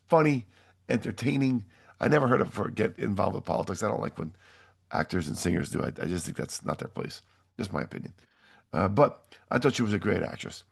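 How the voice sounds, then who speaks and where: Hoarse, gravelly male market commentator. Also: mid-range voice. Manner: chatty, opinionated, straight-talking. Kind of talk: casual weekly market commentary.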